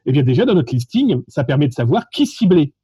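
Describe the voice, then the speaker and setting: A man from France with a French accent, telling stories animatedly in a lively, joking way about his contest calls. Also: a little high, fairly quick, husky, no room sound. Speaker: social engineering contest participant. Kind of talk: animated conversational storytelling.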